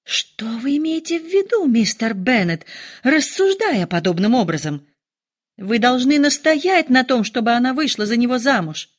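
Woman doing a shrill, fussy mother. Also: big pitch swings, moderate pace. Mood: fretful. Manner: shrill, complaining. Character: fussy excitable middle-aged mother, dramatic.

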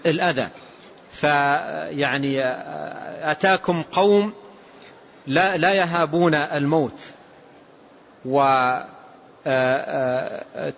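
A male scholar giving a lesson on a classical text, explaining phrase by phrase, repeating himself and pausing with drawn-out fillers. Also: on the high side, fairly bright tone. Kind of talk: lesson commentary. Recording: dull lo-fi recording with faint hiss.

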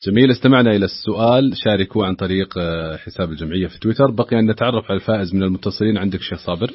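A man's voice: low voice, racing, husky. A man presenting live on the radio as the host of a programme. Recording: dull, lo-fi radio broadcast.

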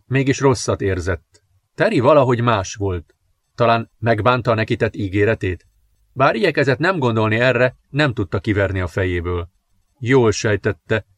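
A man narrating a novel in a calm, measured reading. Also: fairly low pitch, no echo. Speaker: audiobook narrator. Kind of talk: scripted narration.

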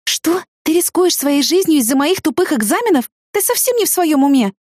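A woman voicing an anxious, fiery young woman fresh out of school, her pitch lifted well above the reader's own low voice. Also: lively intonation, fairly quick, a little mellow, dry recording, studio quality. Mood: indignant. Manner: pleading and indignant outbursts.

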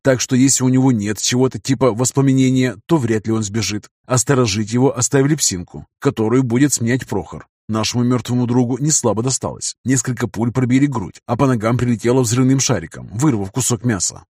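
A man's voice: medium pitch, fairly quick, hardly any pauses, a little mellow, slightly rough, dry recording, studio quality. A man narrating a first-person audiobook in a casual, wry storytelling manner.

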